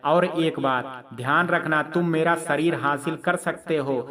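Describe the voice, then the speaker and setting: A man's voice: a little high, steady tone, unhurried, a crowd in the background, lightly acted. A man voicing a grieving, angry young widowed wife in a spoken Hindi story, with accusing, tearful questions.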